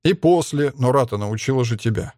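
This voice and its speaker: A man's voice: mid-range voice, expressive, brisk, darkish tone, no room sound, clean studio sound, lightly acted. A man voicing an indignant, sarcastic young male soldier hero in an audiobook. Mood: wry. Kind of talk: audiobook character reading.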